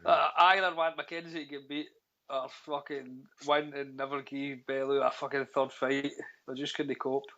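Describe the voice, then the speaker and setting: A man's voice: medium pitch, level tone, normal speed, pushed and bright. A Scottish man with a Glasgow street accent, bantering casually and bluntly about sport with plenty of swearing and slang. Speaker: podcast panellist. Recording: dull, lo-fi voice line.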